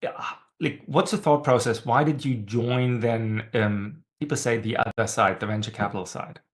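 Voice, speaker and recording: A man at a mid-range pitch hosts an interview, introducing his guest with measured, slightly formal phrasing. His questions come with small fillers and restarts. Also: fairly even intonation. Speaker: host, faculty member.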